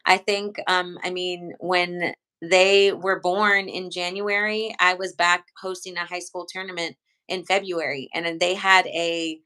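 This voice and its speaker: A head coach from San Antonio, Texas, answers casual interview questions in a bright, smooth voice that stays fairly low and flat. She speaks unhurriedly and earnestly but rambles, with plenty of ums and restarts. The audio is poor.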